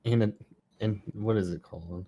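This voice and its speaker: A man plays in a casual tabletop game with offhand, wry remarks. His voice sits fairly low. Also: fairly even intonation, normal speed, warm tone, dull audio, a little hiss or hum. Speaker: player.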